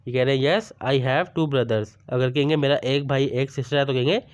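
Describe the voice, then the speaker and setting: Man, english teacher, smooth resonant voice, mid pitch, repeats phrases slowly and carefully. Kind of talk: language lesson explained in Urdu.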